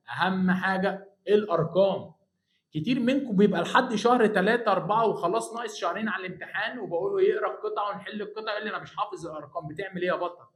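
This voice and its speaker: A man with an Egyptian Arabic accent teaching an online Italian lesson to high school students. He drills each word slowly, repeats it, and coaxes the student along. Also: echoey room.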